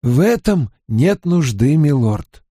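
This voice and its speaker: A man's voice: a little high, very animated, takes it slowly, dark tone, no room sound, pitched above the performer's own voice, exaggerated voice. A rigidly dutiful male servant from an audiobook, as a male narrator voices him. He talks in a raised, stiff, deferential tone. The sound is dry and close. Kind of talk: audiobook character voice.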